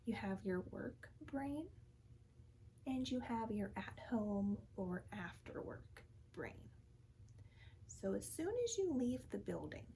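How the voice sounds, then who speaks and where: In an ASMR role-play, a woman plays a calm, soothing counselor, speaking softly and slowly, often in a breathy voice of medium pitch. She gently reassures with short, repeated phrases, and the poor audio carries slight background noise.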